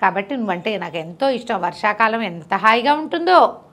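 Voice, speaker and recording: A woman voicing a gentle, meek old village grandmother who speaks softly and fondly in a storybook tale. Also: medium pitch, lively intonation, brisk. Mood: fond, soothing. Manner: soft, affectionate and praising.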